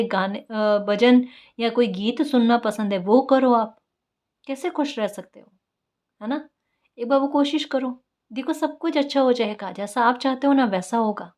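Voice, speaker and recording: A woman's voice: fairly high pitch, darkish tone. A woman tarot reader giving casual spiritual guidance, coaxing and encouraging, often asking her listeners "right?" and repeating key phrases.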